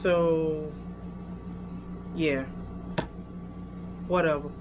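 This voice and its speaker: Chatting straight to her audience, a young woman with a Louisiana accent reviews hair products in a casual vlog full of fillers. She speaks low, drawing out her words with fairly even intonation, over a noisy background.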